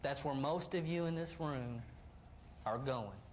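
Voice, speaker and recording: A man giving a folksy, animated motivational talk to a live audience in a room, acting out the voices of the people he describes. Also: medium pitch, a little slow, slight background noise. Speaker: motivational speaker.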